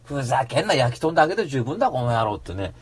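A man hosting a radio show in a casual rambling monologue, slangy and animated, breaking into mock-angry rants. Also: mid-range voice, quick pace, breathy edge.

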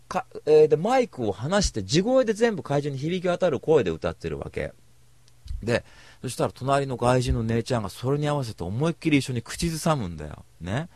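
A man talks quickly in a loose, slangy monologue, blunt and openly cynical. His pitch swings widely as he rambles from one story to the next, and the sound is dry with no room around it. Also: a little mellow, no room sound. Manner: slangy rough speech.

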